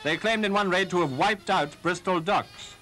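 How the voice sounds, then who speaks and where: A man narrating an old wartime newsreel in brisk 1940s style, with dry irony. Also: sits high, pushed and bright, soft background music.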